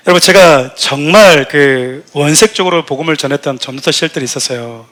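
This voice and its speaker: A man's voice: on the high side, a little fast. A middle-aged man, the senior pastor of the church, preaching a sermon full of funny stories and acting out quotes with raised voice. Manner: animated storytelling, acts out shouted quotes. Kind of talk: sermon with humorous anecdotes.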